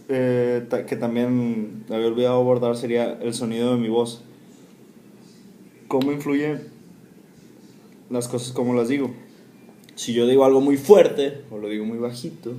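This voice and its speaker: A young man talks through a class presentation, often pausing on fillers and restarting his sentences. His voice is mellow and fairly monotone. The recording sounds echoey, with faint room ambience behind him. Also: mid-range voice, a little hiss or hum. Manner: hesitant, many fillers and restarts. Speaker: student.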